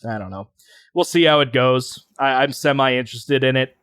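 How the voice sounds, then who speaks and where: A man's voice: mid-range voice, normal speed, fairly bright tone, clear, resonant tone, no echo. Rambling male podcast co-host, dry sound. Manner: rambling, hesitant, many fillers and restarts. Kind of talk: casual podcast chat.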